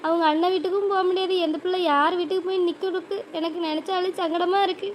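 A woman's voice: very high voice, steady tone, fast talker, a little hiss or hum. A woman voicing a worried, middle-aged village mother in a cartoon, talking in long pleading and advising runs. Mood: anxious. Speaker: cartoon voice actor. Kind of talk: cartoon voice acting.

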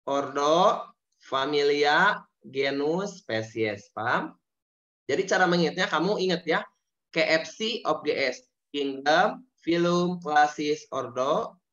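With a fairly high pitch and fairly bright tone, this Indonesian man teaches science online. The sound is dull and lo-fi like a video call, as he repeats key terms again and again and keeps asking students questions.

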